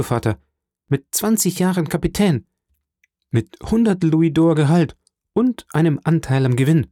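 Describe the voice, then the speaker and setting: Guy doing an excited young sailor, higher pitched, a bit dark and mellow, dry recording. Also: no echo, close to an everyday voice. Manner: excited, pleading, raised voice. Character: eager young male sailor, earnest and devoted. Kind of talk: audiobook character voice.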